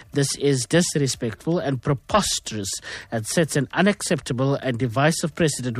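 A man's voice: mid-range voice, dry recording. A man from South Africa hosting a radio call-in show, talking casually with many fillers. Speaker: radio host.

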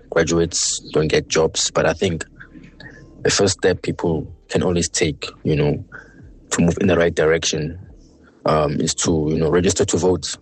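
Male listener in a recorded voice message, low husky tone, hesitant and filler-heavy delivery. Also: rough recording. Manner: halting, many fillers. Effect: played voice message. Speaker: listener leaving a voice note. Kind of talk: casual spoken message.

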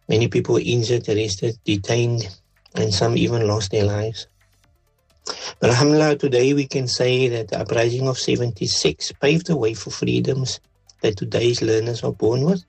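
South African man, caller, gravelly and husky, earnest. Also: medium pitch, a little mellow, poor audio. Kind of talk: voice note to a radio show.

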